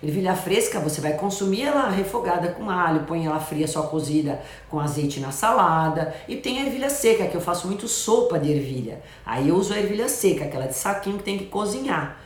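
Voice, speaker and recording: A woman's voice: fairly low pitch, animated, fairly quick, few pauses. A middle-aged woman doctor, casually answering viewer comments on a live stream. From Brazil. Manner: chatty, reads comments aloud and gives friendly advice. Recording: roomy echo.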